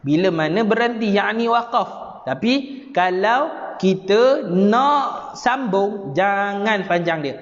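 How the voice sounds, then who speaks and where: A man with a Malaysian Malay accent teaching Quran recitation live online, explaining the rules step by step, repeating phrases and chanting the verses slowly. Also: high-pitched, expressive. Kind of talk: live online tajwid lesson. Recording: dull sound with long reverb.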